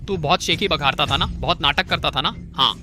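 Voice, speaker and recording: A man's voice: a little high, a little fast, sharp tone, soft background music. An actor dubbing a brash young male guard who turns into a martial arts hero, taunting his foes. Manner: taunting, boastful when fighting. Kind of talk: Hindi dub of a short drama.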